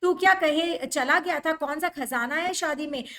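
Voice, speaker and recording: A woman reading the lines of an angry, jealous old mother scolding her son, in a shrill scolding tone. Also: normal speed, fairly bright tone.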